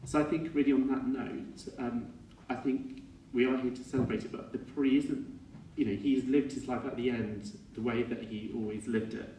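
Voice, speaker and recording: A middle-aged man giving an informal funeral speech as a son, halting and reflective, often correcting himself as he goes. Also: medium pitch, fairly even intonation, warm tone. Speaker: son giving a eulogy for his father. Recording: echoey room, distant mic, faint noise.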